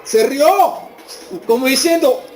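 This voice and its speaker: A man's voice: very high-pitched, slow pace, rough recording. Mexican man preaching a storytelling sermon. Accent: Mexican Spanish. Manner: retells scripture as a lively story and poses rhetorical questions to the congregation.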